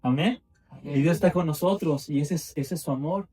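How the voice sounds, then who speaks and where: A young man preaches with fervor, building his phrases through repetition. His voice sits fairly high but has a dark, mellow tone. He is heard from a distance, picked up by a mic in a church. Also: moderate pace, breathy edge. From Ecuador. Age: 20s. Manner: fervent, repetitive phrasing with rising emphasis. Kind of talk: sermon.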